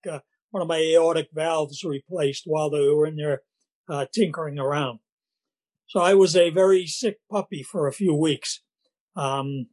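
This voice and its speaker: Sharing his recovery story at a meeting, an older Massachusetts man speaks in a Boston accent, halting often with fillers and restarts. His voice is scratchy, a little high, and slightly mellow.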